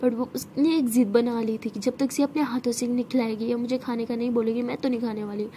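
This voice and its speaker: A woman narrates a love story in a chatty, relaxed way. Her voice is high and mellow. A faint background hiss runs through the recording. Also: fast.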